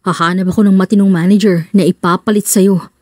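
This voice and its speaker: A protective young husband and company boss speaks low and firm, as a woman narrator puts him on. The voice is mellow and dry, with a slightly lowered pitch. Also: fairly even intonation, a little fast, no echo, close to an everyday voice. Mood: stern. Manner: firm, commanding.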